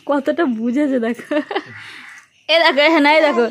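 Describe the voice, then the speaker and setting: A woman's voice: high voice, moderate pace. A woman vlogging casually at her village home with a West Bengal Bengali accent, chatting and playfully repeating words to her small daughter. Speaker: vlogger and mother. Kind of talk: casual home vlog chat.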